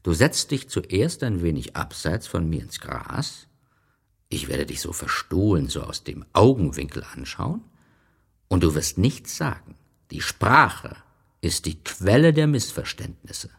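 Wise fox voiced by a man, patient, wistful, husky voice, expressive, storybook reading. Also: low-pitched, unhurried, exaggerated voice. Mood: gentle, wistful. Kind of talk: audiobook reading.

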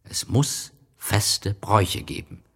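A man's voice: on the low side, slow, gravelly, breathy edge, pitched above the performer's own voice, heavily acted. A man voicing a wise, wistful fox. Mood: gentle, wistful. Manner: patient, explaining, wistful. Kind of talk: audiobook reading.

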